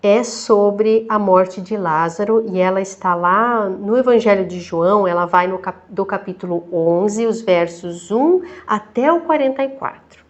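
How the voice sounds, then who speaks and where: A woman deacon with a Brazilian Portuguese accent leads a Bible study at a slow, measured pace. Her voice sits in an ordinary middle range. She reads scripture and reflects on it thoughtfully, often tagging her sentences with a questioning "né?" to keep her listeners with her. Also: medium pitch. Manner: slow, thoughtful, with frequent "né?" tags.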